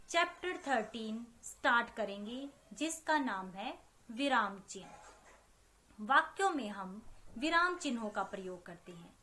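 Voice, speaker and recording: A woman's voice: a little high, pushed and bright, a little hiss or hum. A woman teacher giving a recorded lesson, patiently explaining to children and repeating examples. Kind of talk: recorded online class lesson.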